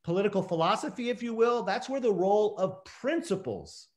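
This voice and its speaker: A man's voice: high-pitched, expressive, fairly quick. A man in his fifties with a standard American accent, explaining emphatically as a professor in an interview on a video call. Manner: explanatory, emphatic, asks rhetorical questions. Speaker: professor and author, interview guest. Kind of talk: scholarly discussion in an interview. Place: indoor room, video call.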